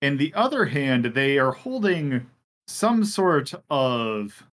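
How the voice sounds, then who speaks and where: A man's voice: mid-range voice, sing-song, takes it slowly, a bit bright. A man running a tabletop game as game master, narrating with many fillers and restarts.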